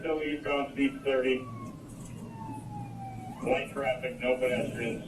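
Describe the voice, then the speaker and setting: A man's voice: medium pitch, steady tone, slow, far from the mic. Man on police radio, clipped pursuit callouts, noisy playback, echoey room, heard from afar. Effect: police radio transmission. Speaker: police officer calling out a pursuit.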